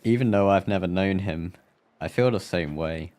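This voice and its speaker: A man's voice: deep voice, normal speed, darkish tone. A man giving casual, offhand commentary on a game livestream, with muttered asides. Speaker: streamer.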